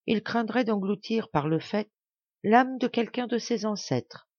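A woman narrating a fable in an audiobook, reading in a measured, even way. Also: mid-range voice, no room sound, muffled recording. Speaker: audiobook reader. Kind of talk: storybook narration.

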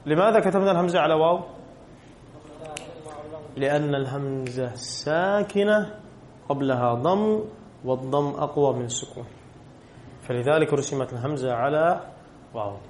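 A man's voice: on the high side, moderate pace, pauses often, a little mellow, roomy sound, slight background noise. A male teacher giving a classroom grammar lesson, putting questions to his students and repeating the key rules.

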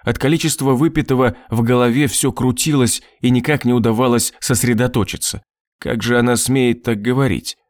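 A male narrator reads a novel aloud at a steady, measured pace. His voice sits in an ordinary middle range and sounds close and dry, with no room around it. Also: mid-range voice, no room sound. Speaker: audiobook narrator. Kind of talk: scripted narration.

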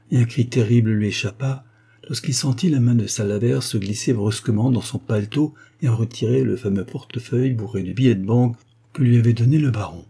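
Mellow husky male audiobook narrator. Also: lowish voice. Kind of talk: scripted narration.

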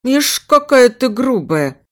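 A woman's voice: on the high side, sing-song, normal speed. A woman voicing an invisible, bossy female spirit who scolds and lectures in a grumbling, preachy way. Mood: scolding. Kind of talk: audiobook character voice.

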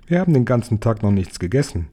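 This is a fretful mother bird who frets and complains aloud, as a male reader puts her on. Her voice sits a little higher than the narrator's and stays husky and mellow. She tells her story in a lamenting storybook way. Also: sing-song, quick pace. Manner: whiny, lamenting.

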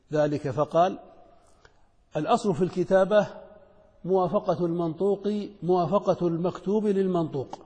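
Man teaching, warm voice in a hall. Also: sits high. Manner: measured, explanatory, poses and answers questions. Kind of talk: explaining a lesson. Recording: long hall reverb.

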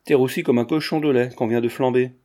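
A man's voice: medium pitch, steady tone, fast talker, dark tone, lightly acted. A man voicing a coarse, blunt old male ragpicker in a storybook reading.

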